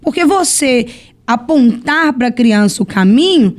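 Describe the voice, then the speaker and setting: A woman's voice: fairly high pitch, lively intonation, a little slow. Brazilian woman bishop teaching by example. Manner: explanatory, tells stories with acted quotes. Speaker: church bishop guest. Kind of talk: teaching, religious podcast talk.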